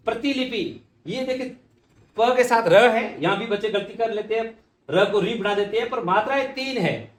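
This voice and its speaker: A man's voice: very high voice, roomy sound. A man teaching spelling for exams, patiently repeating words and answering his own questions. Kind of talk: exam-prep lesson.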